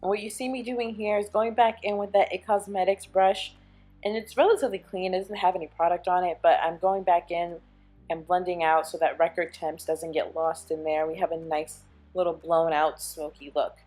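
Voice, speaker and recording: A woman's voice: fairly low pitch, steady tone, normal speed. Chatty young woman explaining her makeup steps. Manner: chatty, explaining each step as she goes. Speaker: beauty vlogger. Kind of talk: makeup tutorial and review. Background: soft background music.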